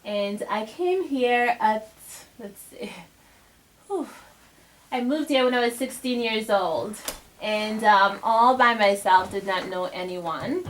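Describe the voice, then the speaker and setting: A woman's voice: fairly high pitch, slow pace, slight background noise, low-quality recording. A young woman giving a casual motivational talk to a group of girls, chatty, with many fillers and restarts. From Bahamas. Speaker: guest speaker to a girls' group.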